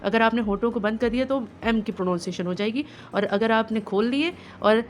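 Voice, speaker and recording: A woman teaching parents phonics, drawing out each letter sound slowly and patiently as she explains how to blend them. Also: fairly high pitch, slight background noise. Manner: slow, drawn-out sounding of letters. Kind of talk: home phonics lesson.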